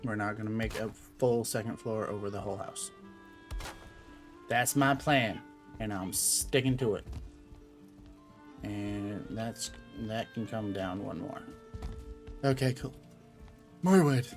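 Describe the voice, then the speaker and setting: A man's voice: on the low side, takes it slowly, pauses often, faint music behind. A young man streaming a game, chatting casually and playfully, answering his chat as he goes.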